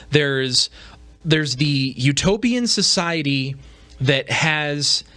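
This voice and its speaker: A man with a fairly high, slightly bright voice hosts a podcast, offering casual solo commentary in an informal, conversational way with rhetorical asides.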